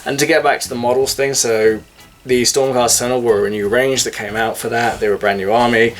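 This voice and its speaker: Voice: mid-range voice, fairly even intonation, fairly quick, poor audio. A tipsy host rambling through a casual explanation like a drunk person chatting. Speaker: host of a hobby video channel.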